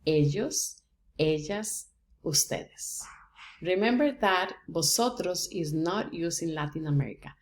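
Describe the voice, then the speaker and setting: A woman's voice: sits low, a little mellow. A woman from Rica, teaching a patient, step-by-step language lesson. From Costa Rica. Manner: patient, explains step by step with examples. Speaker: Spanish teacher. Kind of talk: slow, deliberate language lesson.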